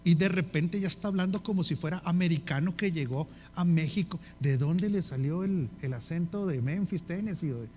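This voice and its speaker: Northern Mexican man preaching, faint rumble. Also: fairly quick, hardly any pauses, a little mellow. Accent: northern Mexican Spanish. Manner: asks the audience often, lists in repeated phrases. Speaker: apostle teaching a leadership course. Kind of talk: sermon-style teaching.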